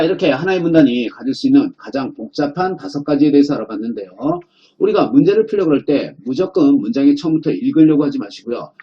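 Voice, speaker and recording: A man's voice: medium pitch, muffled recording. A man teaching English exam reading in a recorded lecture, asking rhetorical questions and answering them himself.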